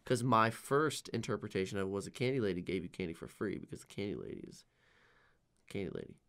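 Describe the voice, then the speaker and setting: A young man, a podcast co-host, talking in a casual, jokey chat that swings between loud and quiet. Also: lowish voice, fast.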